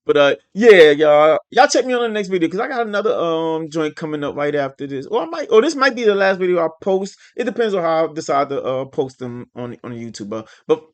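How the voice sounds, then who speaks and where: A man's voice: a little high, very animated, clean tone. Rambling man reacting casually. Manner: rambling, halting, with many fillers and restarts. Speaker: reaction channel host.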